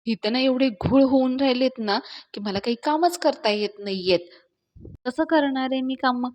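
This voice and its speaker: Brief: irritable young male mechanic, high and loud, put on by a woman storyteller. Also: normal speed, natural voice. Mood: irritated. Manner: irritable, scolding. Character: hot-tempered young male garage worker.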